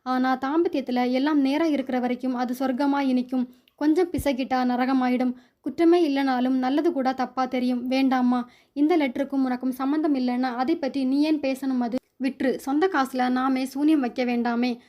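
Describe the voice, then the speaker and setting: A woman reading a short story aloud, voicing a worried middle-aged father who firmly hushes his wife and guards a family secret. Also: high-pitched, fairly even intonation, normal speed, close to an everyday voice. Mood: advising. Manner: firm, hushing, reassuring.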